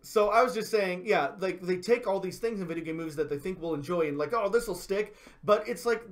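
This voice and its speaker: A man with a slightly raised pitch talks loosely on a gaming livestream. He rambles through his points, full of fillers and little mocking quoted voices. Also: quick pace. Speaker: co-host. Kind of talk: casual livestream chat.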